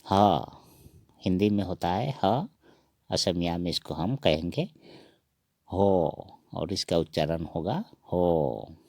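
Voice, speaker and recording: Male teacher, very deep gravelly voice, dry close sound, patient step-by-step drilling. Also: darkish tone, dry recording. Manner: slow, repeats each sound several times. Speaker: language teacher. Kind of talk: recorded alphabet lesson.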